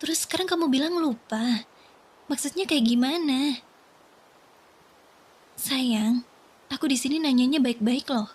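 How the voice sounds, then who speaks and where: A young woman voicing a worried wife who gently questions her husband, in a soft whispered role-play. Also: sits high, measured pace, pauses often, slightly rough. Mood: confused. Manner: gentle, coaxing, pleading.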